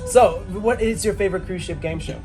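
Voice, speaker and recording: A man who works as a cruise director and host, chatting casually in an excitable, jokey way and often repeating himself. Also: high voice, a little fast, over music. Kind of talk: casual bantering interview.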